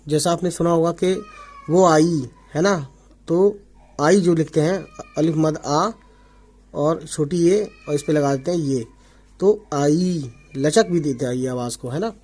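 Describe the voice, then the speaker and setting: A man teaching an Urdu writing lesson in Hindi, repeating words slowly and often checking that viewers follow along. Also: a little high, darkish tone. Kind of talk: online language lesson. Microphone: omnidirectional desk microphone.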